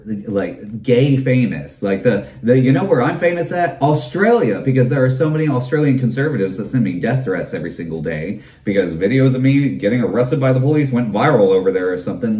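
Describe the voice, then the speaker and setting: A man's voice: fairly low pitch, dark tone. A man hosting his own videocast, delivering a campy, profane comedic rant and calling listeners darling. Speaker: videocast host. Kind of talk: comedic ranting monologue. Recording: roomy, distant mic.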